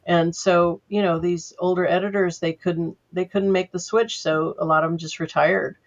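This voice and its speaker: A woman's voice: on the low side, steady tone, moderate pace, lo-fi sound. An older woman, a sound editor as podcast guest, telling anecdotes in a chatty way full of fillers. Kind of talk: casual interview storytelling.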